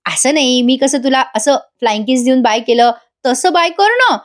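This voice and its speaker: A woman's voice: sits high, animated, moderate pace. A woman voicing a young husband who teases his wife playfully, in a coaxing manner.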